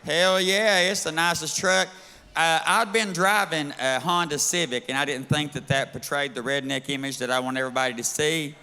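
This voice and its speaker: Southern-accented male comic, brassy bright tone, smooth voice, bawdy live club delivery, echoey bar room. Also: a little high, normal speed. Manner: brash, bawdy, drawling. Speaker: stand-up comedian. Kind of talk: live stand-up set. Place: bar stage at a live event.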